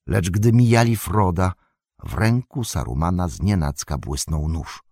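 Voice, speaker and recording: A man narrating a fantasy novel as an audiobook, in a measured, dramatic storytelling manner. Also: sits low, animated, a little mellow, slightly rough, no echo, clean studio sound.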